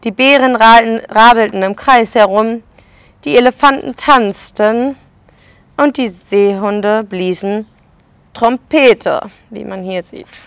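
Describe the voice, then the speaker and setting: A woman preschool educator reading a picture book aloud to children and pausing to explain the pictures. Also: fairly high pitch, clean tone, no room sound.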